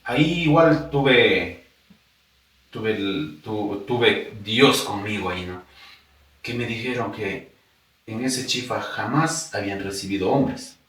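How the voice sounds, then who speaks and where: A man from Ecuador with an Ecuadorian highland Spanish accent, a podcast guest telling his life story in a casual, animated way and acting out remembered dialogue. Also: slow. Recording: echoey room, distant mic.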